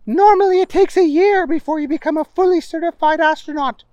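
A man voicing a stern, formal woman scientist who gives brisk orders. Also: extremely high pitch, darkish tone, no room sound, lo-fi sound, pitched above the performer's own voice. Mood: commanding.

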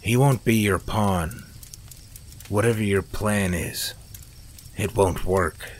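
Scornful chained-up prisoner, voiced by a man, low and slow, full of disdain. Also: a little hiss or hum. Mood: defiant. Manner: defiant, scornful. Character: defiant captured man, scornful and angry.

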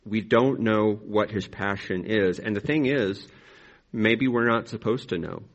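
A lower-pitched man gives an informal, reflective sermon as a pastor. He speaks haltingly, his articulation a little impeded by braces. The recording is slightly dull. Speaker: pastor preaching. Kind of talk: conversational sermon.

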